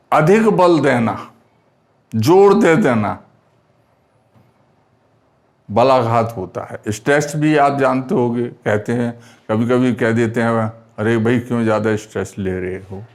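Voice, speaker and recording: A man teaching Hindi grammar in a slow classroom explanation, repeating words and spelling out their sounds. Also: a little high.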